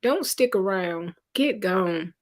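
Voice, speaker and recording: A woman's voice: mid-range voice, animated. A woman hosting a live stream in a casual, conversational way, greeting viewers by name and reading their chat comments aloud. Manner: unhurried, conversational. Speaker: livestream host.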